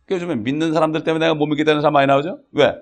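A middle-aged pastor preaches a sermon in a slightly high voice with fairly even intonation, racing along. His delivery is conversational, full of asides, and he acts out quoted voices and prayers.

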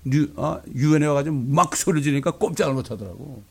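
Man, pastor, sermon, fiery, blunt, coarse, fairly high pitch. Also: lively intonation, brisk, creaky, darkish tone, husky.

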